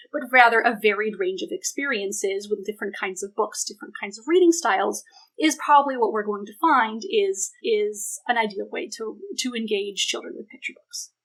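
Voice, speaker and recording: On a low-quality recording, a woman with a medium-pitched, fairly bright voice explains her research as a panel presenter in an academic talk with questions. She speaks emphatically, thinking things through aloud.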